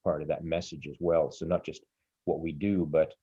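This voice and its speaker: A man with a low, warm voice speaks over a group video call, dry and close. He rambles as he thinks aloud, circling back and restarting his sentences. The call audio comes through muffled and lo-fi. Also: flat delivery, normal speed, husky, no echo. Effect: voice heard over a group video call. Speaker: webinar host. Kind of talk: casual discussion in an online group call.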